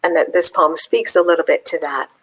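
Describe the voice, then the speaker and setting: A woman from Palestine, a poet, talking thoughtfully with pauses and fillers, then reading her own poem aloud. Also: lowish voice, steady tone, breathy edge, low-quality recording. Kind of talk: conversation and poetry reading.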